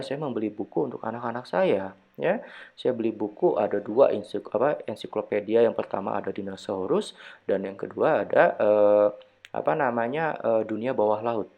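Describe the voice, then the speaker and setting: Dosen pria bergaya santai dengan banyak "eee". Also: male voice, mid-range voice, lo-fi sound. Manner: conversational, many fillers and rhetorical questions. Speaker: university lecturer. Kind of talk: online lecture.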